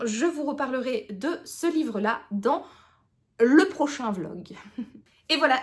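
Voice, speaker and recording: Woman, 30s, book vlogger: chatty, hesitant, self-mocking; slightly higher voice. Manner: chatty, many hesitations, laughs at herself. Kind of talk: casual book review chat.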